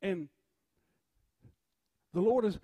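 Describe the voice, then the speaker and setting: A man preaching an impromptu sermon, swinging from hushed storytelling to rising shouts and repeating his words. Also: high voice, very slow, husky, no echo, highs cut off. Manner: rhythmic preaching with "uh" before phrases.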